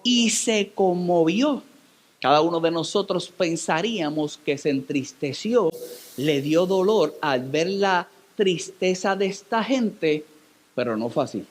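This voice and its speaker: Animated Puerto Rican preacher, high voice. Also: male voice, unhurried. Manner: dramatic, animated storytelling with sudden pitch swings. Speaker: pastor. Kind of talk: sermon. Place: church.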